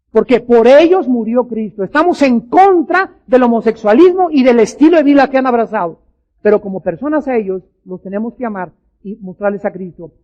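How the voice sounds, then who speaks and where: A woman's voice: fairly high pitch, dark tone. Lady preaching, really emphatic, says stuff over and over, muffled old tape sound. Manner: emphatic, repeats words for stress. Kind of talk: sermon. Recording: dull lo-fi archive recording.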